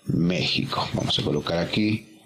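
A man's voice: sits low, moderate pace, a bit bright. A man teaching English, working through a workbook exercise step by step and patiently repeating each answer.

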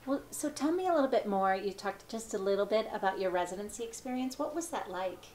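An upbeat woman interviewer speaks from off camera, asking questions in a chatty way. Her voice has a middle pitch, and a faint hiss of background noise sits under her speech. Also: expressive, darkish tone, roomy sound, distant mic. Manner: upbeat, chatty, quick reactions. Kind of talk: interview questions, friendly chat.

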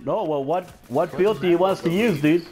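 A man's voice: on the high side, fairly quick, music in the background. A man playing an online shooter, chatting casually over voice chat, swearing, laughing and taunting the other team. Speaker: gamer on voice chat. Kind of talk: casual game chat, trash talk.

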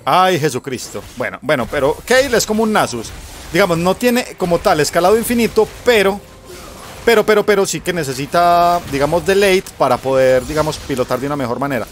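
A man's voice: fairly high pitch, lively intonation, a little fast. A man with a Colombian accent giving casual, profane gameplay commentary, talking to himself and to his opponent as he plays. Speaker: gamer.

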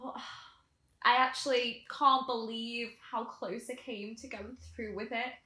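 A woman's voice: on the high side, fairly even intonation, measured pace, sharp tone, echoey room. A young woman playing a wry, guilt-ridden bride-to-be in a comedy short, on a video call. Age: young adult. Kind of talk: comedy short film acting.

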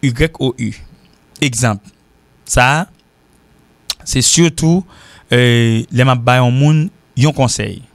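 A man from Haiti with a Haitian accent, teaching an informal language lesson and repeating example sentences slowly. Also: medium pitch, no room sound. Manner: repeats example sentences slowly, switching between French and Creole. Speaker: English teacher.

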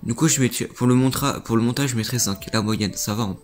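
A man's voice: mid-range voice, fairly quick. A young man, a gaming YouTuber, rambling through casual reaction commentary on viewer clips and often repeating himself.

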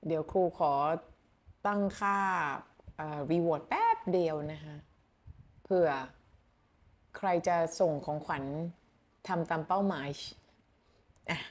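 A Thai woman teaching an English lesson to students on a live stream. She reads a story aloud in English with a Thai accent and explains it in Thai, repeating words slowly for students to type and say. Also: lowish voice, fairly even intonation, darkish tone.

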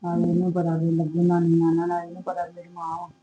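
A woman playing a soothing relative in a family drama who keeps agreeing and calming others. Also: lowish voice, fast, phone-quality sound, soft background music. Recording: echoey room with faint noise.

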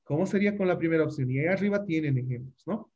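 A man's voice: fairly high pitch, expressive, racing, a little mellow, dull audio. A man teaching an online English class in Spanish. He is patient, repeats each phrase and keeps checking with the students.

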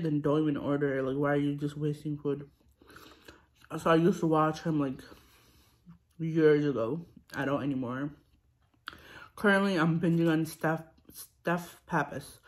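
A young woman with a low, darkish voice does a relaxed mukbang, chatting between bites of food. She chews and sips as she goes, rambling with ums and restarting sentences.

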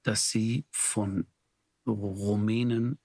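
A man with a low, rough, husky voice tells a long story in a loose, rambling way. He acts out the back-and-forth of a conversation and fills the pauses with hesitations. The sound is close and dry. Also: fairly even intonation, darkish tone, no echo. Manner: rambling storytelling with quoted dialogue and fillers. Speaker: storyteller guest. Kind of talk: casual spoken anecdote.

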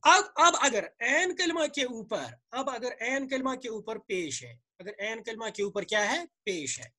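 A man with a Kashmiri accent and slightly hoarse throat, teaching a grammar lesson, asking questions and answering them himself while repeating words slowly. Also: extremely high pitch, big pitch swings, pushed and bright. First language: Urdu. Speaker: Arabic teacher.

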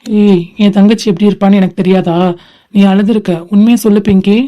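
A protective older brother, voiced by a woman, fusses over his little sister in a mellow, middling voice. He is teasing and a little bossy but always affectionate. It sounds like a homemade drama. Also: mid-range voice, steady tone, brisk, highs cut off, natural voice. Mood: caring.

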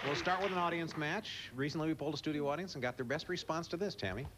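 A man hosting a studio game show, reading clues in quick succession, heard from an old VHS tape recording. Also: a little high, very noisy. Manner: brisk, rapid-fire reading of clues. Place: TV studio with live audience.

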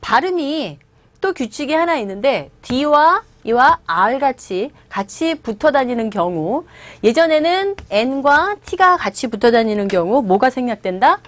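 A woman with a high, very animated voice gives an English lesson for Korean learners, acting out quotes in playful voices. The sound is dry and close, with no room around her. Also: a little slow, dry recording. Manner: lively, acts out quotes with playful voices and laughs. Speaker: English teacher. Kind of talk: video lecture on English through film.

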